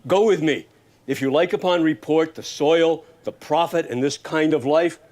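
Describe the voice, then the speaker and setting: An actor playing a humble, kindly old shepherd with hammy, theatrical stage Shakespeare delivery. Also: male voice, a little high, normal speed, darkish tone, close to an everyday voice.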